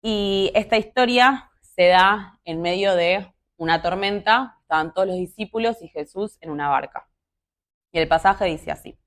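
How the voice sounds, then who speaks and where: A woman's voice: mid-range voice, normal speed. A young woman with a Rioplatense Spanish accent, giving a casual, conversational sermon full of fillers and asides. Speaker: youth preacher.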